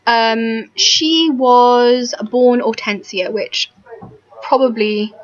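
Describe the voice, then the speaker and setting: Tired woman, casual self-deprecating vlog ramble, higher voice, dull lo-fi recording. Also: drawn-out words. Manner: chatty, self-deprecating, lots of ums and restarts. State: tired, early morning. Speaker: history vlogger. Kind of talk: casual rambling talk to camera.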